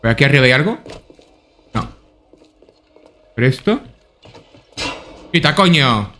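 A man's voice: mid-range voice, animated, measured pace, a bit bright, a little hiss or hum. A man doing casual let's-play commentary, swearing often and thinking aloud to himself. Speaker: gaming YouTuber.

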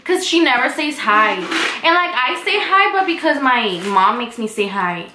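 A woman's voice: a little high, lively intonation, normal speed. A young woman telling a story in a casual chat, slangy and swearing a lot, a little sick, recorded at home on a camera. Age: young adult. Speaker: co-host, sister. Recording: roomy room, faint noise.

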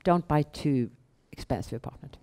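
A middle-aged Swedish woman, a bank's founder and chief executive, answers questions as a guest in a live interview on a small stage in an indoor event room. Her low, warm voice is expressive and moves at a normal speed, with a Swedish accent. She speaks into a headset microphone.

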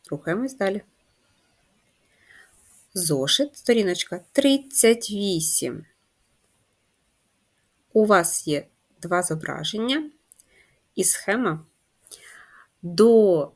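A primary school teacher with a mid-range voice gives a first-grade handwriting lesson. She's patient and instructive, spelling out letters and sounds one at a time.

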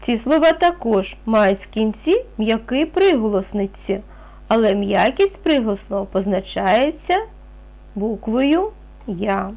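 A woman teaches a reading lesson to young children in a slow, patient voice. Her pitch sits fairly high and rises and falls a great deal. She asks a question, pauses, then answers it herself and praises the class. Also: very animated, darkish tone. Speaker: primary school teacher.

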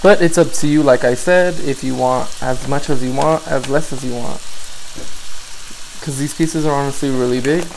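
A man's voice: medium pitch, moderate pace, vocal fry, low-quality recording. A man casually talking through a home cooking vlog at his stove, chatty and loose. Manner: chatty, loose, says honestly and like a lot. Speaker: cooking vlogger. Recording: steady background noise with pan sizzle.

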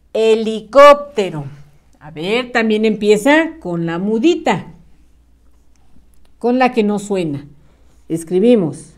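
A woman teacher giving a patient writing lesson to young children, encouraging them and sounding words out syllable by syllable. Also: mid-range voice.

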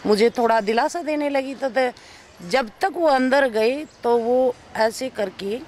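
An actress being interviewed, telling an emotional personal story and acting out what others said. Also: female voice, high voice, unhurried, a little mellow, a little hiss or hum. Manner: recounts events by acting out others' speech.

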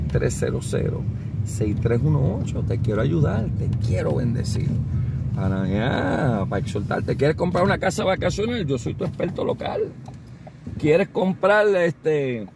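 Animated Puerto Rican man talking while driving. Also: fairly high pitch, unhurried, gravelly. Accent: Puerto Rican Spanish. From Puerto Rico. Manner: animated, mixes English words into Spanish. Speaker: vlogger and consultant. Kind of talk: casual advice talk while driving. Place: inside a car on a city street. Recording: car with road noise. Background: traffic and car noise.

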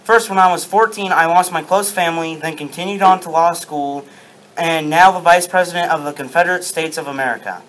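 A man's voice: fairly high pitch, brisk, fairly bright tone, a little hiss or hum, lightly acted, low-quality recording. A young man voicing a proud Confederate statesman in an amateur sock-puppet show, with stiff, recited lines. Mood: proud, earnest. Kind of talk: amateur puppet-show role-play, scripted. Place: darkened room with projection screen, puppeteers low at front.

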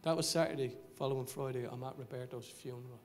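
A middle-aged man with a Dublin accent, a pastor telling a story in a sermon, swinging between loud excitement and low, hushed confiding. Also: quick pace, faint music behind. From Dublin, Ireland. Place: church service.

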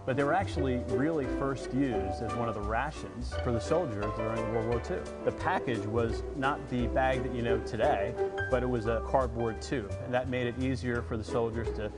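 A middle-aged man, a company executive, calmly explaining facts in an interview. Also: medium pitch, normal speed. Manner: calm, factual. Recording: music bed underneath.

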